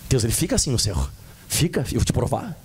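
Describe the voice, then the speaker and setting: A man's voice: mid-range voice, fast talker, slight background noise. A man with a Brazilian Portuguese accent, a pastor preaching a sermon at a church service and firing questions at the congregation. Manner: animated preaching, quizzing the congregation.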